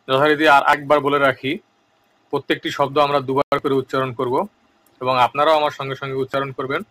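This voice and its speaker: Bright-voiced man teaching vocabulary. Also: medium pitch. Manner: slow, deliberate word-by-word pronunciation drills; earnest advice between word lists. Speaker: language teacher. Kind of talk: vocabulary lesson with repetition.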